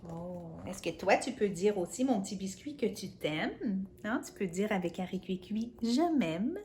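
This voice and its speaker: A woman reading a picture book aloud to young children, gently coaxing and speaking straight to the child. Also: mid-range voice, lively intonation, moderate pace, slight background noise. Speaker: children's storyteller.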